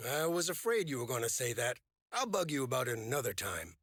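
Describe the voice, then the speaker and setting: An actor playing a friendly middle-aged mail coworker in a story game, with a husky, easygoing voice. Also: male voice, medium pitch, very animated, fairly quick, a bit bright, dry recording, studio quality.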